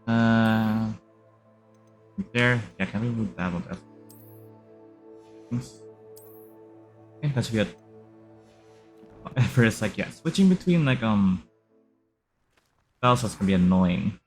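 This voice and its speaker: A man streaming a video game live, commenting casually in a relaxed, rambling way with many fillers. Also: fairly low pitch, slow, pauses often, soft background music.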